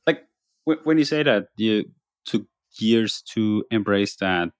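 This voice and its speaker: A man hosting a podcast, asking curious, halting questions in a casual interview. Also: on the low side, animated, no room sound, clean studio sound. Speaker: podcast host.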